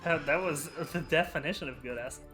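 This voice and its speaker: A man's voice: on the high side, a little fast, bright, forceful tone. Analytical male fighting game commentator. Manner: analytical, talks through the players' options. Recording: game music behind commentary. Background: game music.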